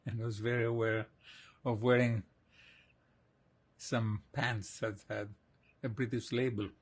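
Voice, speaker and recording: A man in his eighties from Greece, slowly and reflectively recalling his childhood in an oral history interview, with soft laughs. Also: mid-range voice, level tone, breathy edge. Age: 80s.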